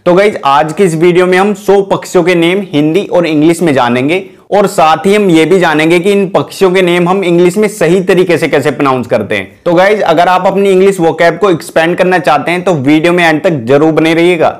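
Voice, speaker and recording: A man with a high voice teaches a vocabulary lesson to viewers. He talks in a chatty, friendly way, calling his audience guys and fixing his own slips as he goes. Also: fairly quick, few pauses. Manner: chatty, keeps saying "guys"; corrects himself mid-lesson. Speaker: English teacher.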